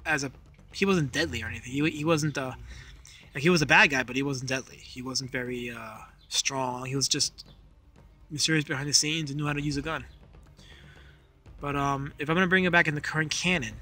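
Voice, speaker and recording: A man with a fairly high, clearly bright voice talks through his drawing off the cuff. He feels his way hesitantly from idea to idea, like a casual host working outdoors, with faint music behind him. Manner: hesitant, thinking aloud. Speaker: comic artist, video host. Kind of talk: casual unscripted drawing commentary.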